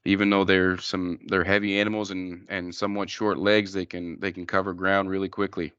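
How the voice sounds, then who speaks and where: A man presenting an informal educational wildlife slideshow, explaining things in a plain-spoken, halting way. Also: deep voice, flat delivery, fairly bright tone, clean tone, dry recording, muffled recording.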